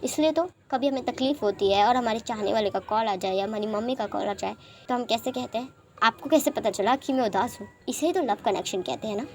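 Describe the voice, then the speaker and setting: A woman narrating a romance fan fiction story in a chatty, expressive way. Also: fairly high pitch, fast talker, slight background noise.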